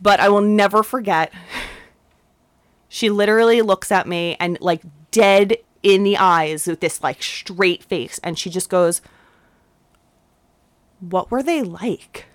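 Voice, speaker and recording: A woman's voice: medium pitch, steady tone, unhurried, dry recording. A young woman chatting on a podcast, earnest and rambling, often restarting her sentences and rising when she makes a point. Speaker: podcast co-host. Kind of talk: casual podcast chat.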